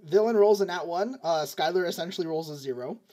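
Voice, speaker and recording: A man's voice: fairly high pitch, brisk, dark tone. A young man as game master of an online tabletop game, describing scenes in a rambling way with many restarts.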